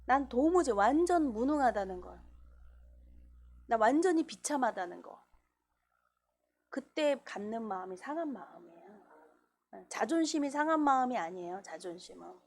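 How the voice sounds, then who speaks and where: A woman's voice: fairly high pitch, lively intonation, normal speed, long pauses, darkish tone. A woman preaching a sermon in a church, acting out quoted voices as she goes. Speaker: pastor.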